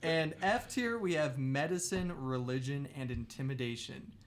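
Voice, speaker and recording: A man's voice: mid-range voice, moderate pace, slight background noise. A man co-hosting a casual gaming podcast, animatedly reading out rankings and defending his picks. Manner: animated, leads the tier list. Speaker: podcast co-host and DM. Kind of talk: casual roundtable chat.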